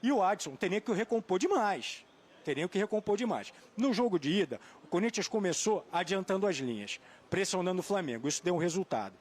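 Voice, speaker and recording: A man's voice: sits high, very animated, fairly quick. Man analysing football tactics. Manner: thoughtful, hesitant, searching for names. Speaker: football pundit. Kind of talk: studio sports analysis.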